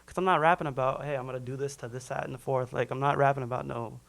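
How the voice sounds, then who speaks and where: Young minnesota guy, musician, talks fast, kinda gravelly, loose casual chat. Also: mid-range voice. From Minnesota, USA. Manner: relaxed, loose, fast-talking with frequent restarts. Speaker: musician guest.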